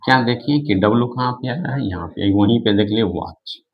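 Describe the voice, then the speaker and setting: A man with a mid-range voice speaks at normal speed on dull audio. His classroom lesson explains English in Hindi, full of self-asked, self-answered questions, repeats, restarts, and fillers like "nahin."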